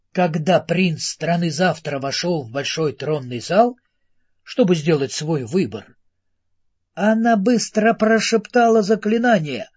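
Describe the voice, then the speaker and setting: Husky man narrating a storybook. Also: high voice, darkish tone. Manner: storyteller addressing the listener directly. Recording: dull lo-fi audiobook recording.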